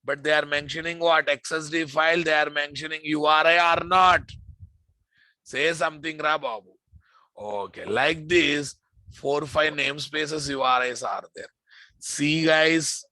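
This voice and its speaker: A man with an Indian accent teaches a live programming class in a forceful, bright voice. His delivery is slow and deliberate, and he often repeats phrases for his students. The sound is close and dry. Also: a little high, steady tone, no echo, rough recording. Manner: repeats phrases, addresses listeners familiarly. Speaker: programming instructor. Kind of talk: informal live classroom lecture.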